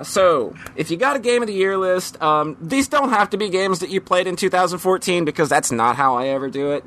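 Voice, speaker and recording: A man's voice: on the high side, fairly bright tone, a little hiss or hum. A man hosting a casual podcast chat, rambling loosely with lots of ums and the odd swear word. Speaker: podcast host.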